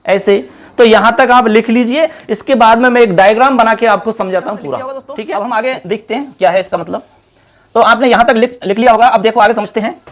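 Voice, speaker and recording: A man's voice: extremely high pitch, a little fast. A man teaching a Sanskrit grammar class at a board. He explains step by step, repeats key terms and calls his viewers friends.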